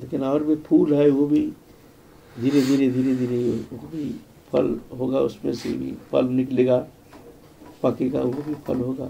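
An older man giving a devotional spiritual discourse, telling his life story in a reflective way with repeated phrases and soft trailing fillers. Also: mid-range voice, level tone, unhurried, vocal fry, dull audio, slight background noise. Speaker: spiritual speaker.

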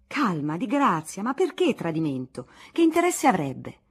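A woman's voice: on the low side, huge pitch swings, moderate pace, breathy edge, heavily acted. A woman doing a furious, outraged man. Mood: pleading. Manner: shouting, outraged. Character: exasperated middle-aged man, indignant politician.

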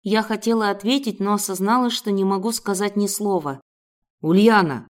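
A woman's voice: medium pitch, brisk. A woman reading a first-person fantasy novel aloud in a dramatic storytelling style. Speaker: audiobook narrator. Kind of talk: first-person audiobook narration.

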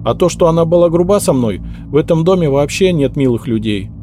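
A frightened young maid begs in a high, breaking voice and rushes her words, as a male reader puts her on. The pitch sits well above a man's range, and faint music plays behind the storybook reading. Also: expressive, warm tone, lightly acted. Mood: tearful. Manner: pleading, rushed, tearful.

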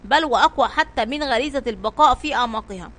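A woman's voice: a little high, quick pace, fairly bright tone, lightly acted. Storybook sea captain, male, commanding and tense, voiced by a woman. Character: brave male sea captain, calm leader.

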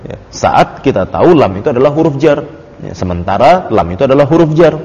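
A man's voice: mid-range voice, sing-song, brisk, darkish tone. A man teaching Arabic grammar in an informal study circle, explaining patiently with many fillers and easy laughter. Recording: dull lo-fi audio with long reverb.

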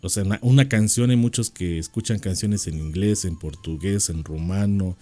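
Mellow-voiced Mexican man musing on radio. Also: sits low, soft background music. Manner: reflective, with frequent "eh" pauses and restarts. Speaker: radio show co-host. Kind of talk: radio panel discussion. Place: radio studio.

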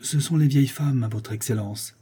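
A man's voice: mid-range voice, normal speed, dark tone, breathy edge. A man voicing a dismayed, deferential butler who reports to his mistress in a flustered, hesitant way, in an audiobook reading. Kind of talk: audiobook character voice.

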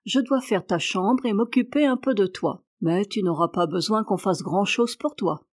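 A woman reading aloud, voicing a frank, good-natured young country maid with a rough, homely way of speaking. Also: medium pitch, normal speed, no echo, studio quality, natural voice. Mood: matter-of-fact.

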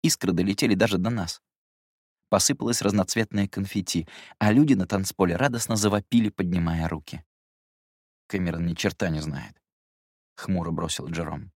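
A man reading first-person audiobook narration in an even, measured way. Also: sits low, dry recording, clean studio sound.

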